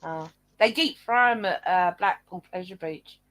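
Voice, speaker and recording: A woman's voice: fairly low pitch, a little slow, a bit bright. A woman co-hosting in a casual, rambling, chatty way. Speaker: co-host. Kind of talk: casual chat.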